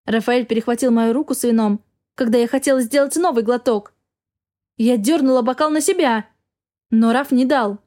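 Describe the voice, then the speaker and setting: A woman's voice: on the high side, normal speed, dark tone. A woman reading a first-person audiobook with dramatic, emotional narration.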